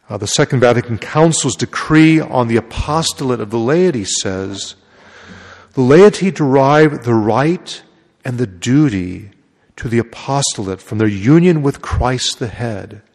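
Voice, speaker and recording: Male priest, lowish voice, measured liturgical delivery, long reverberant church echo. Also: gravelly. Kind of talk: gospel reading and homily. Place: large church.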